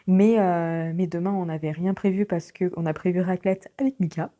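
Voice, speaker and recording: A woman's voice: lowish voice, steady tone, moderate pace, dark tone. A woman vlogging her day in casual chat, with a sore throat, often dropping to a whisper. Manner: chatty, often drops to a whisper. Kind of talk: casual daily vlog chat.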